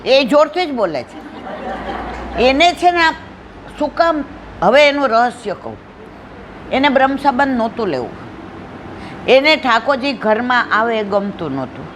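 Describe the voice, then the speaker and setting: A woman speaks in a devotional satsang, telling a story and voicing its people herself. She stresses key lines with slow, repeated phrases, and a faint noise hums behind her voice. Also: on the high side, sing-song, some chatter behind. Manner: acts out dialogue in storytelling, slow emphatic repetitions.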